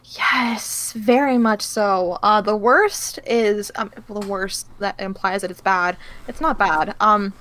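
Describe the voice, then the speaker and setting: A woman's voice: mid-range voice, steady tone, takes it slowly, hardly any pauses, a bit bright. Thoughtful, hesitant woman in casual conversation. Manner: hesitant, thoughtful, self-correcting. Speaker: voice actor being interviewed. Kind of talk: casual interview chat.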